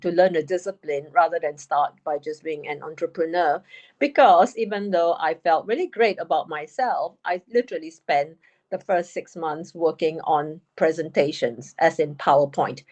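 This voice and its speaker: Woman, fifties, frank and self-deprecating, lowish voice. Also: a little mellow. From United Kingdom. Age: 50s. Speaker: panel guest. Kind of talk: candid storytelling.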